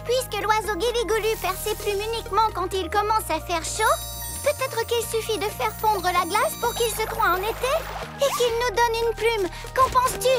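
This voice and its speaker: Very high-voiced brave little girl. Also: normal speed. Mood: hopeful. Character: brave, polite, caring little girl heroine. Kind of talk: children's cartoon voice acting. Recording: music behind the voice.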